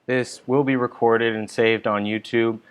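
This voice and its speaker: A man leading a guided meditation online, giving calm, gentle, unhurried instructions. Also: mid-range voice, smooth. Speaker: meditation teacher. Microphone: online stream mic.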